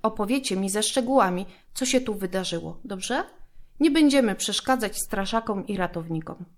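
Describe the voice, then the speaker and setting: A woman's voice: medium pitch, animated, moderate pace, lightly acted. A woman voicing a friendly policeman speaking to children in a children's story. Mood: kindly. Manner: kindly, polite. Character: friendly adult male policeman.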